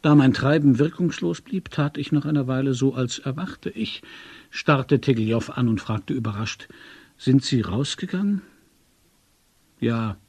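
A man narrating a story in the first person, in a measured storytelling manner. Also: mid-range voice, creaky, darkish tone, husky, no echo. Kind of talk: audiobook narration.

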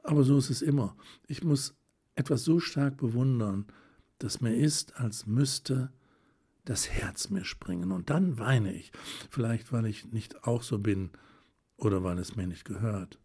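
A man performs the voice of a shy, tender young woman who cries easily, speaking softly and often whispering in a hesitant, wistful way. His voice is mid-range and husky.

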